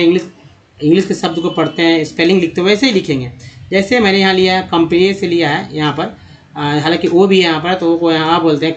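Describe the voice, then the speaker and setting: Male English tutor with a fairly high voice. He works through words slowly, one syllable at a time. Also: highs cut off. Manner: slow deliberate spelling-out of words, then brisk explaining. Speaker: English teacher. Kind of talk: reading word lists and explaining pronunciation.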